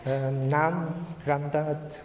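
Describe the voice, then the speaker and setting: A middle-aged man giving a wedding toast speech as father of the bride, halting and jovial, into a handheld mic in a large echoing reception hall. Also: fairly high pitch, level tone, crowd noise. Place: large glass-walled wedding reception room. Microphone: handheld microphone. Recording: echoey hall, handheld mic, guests reacting. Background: wedding guests murmuring and laughing.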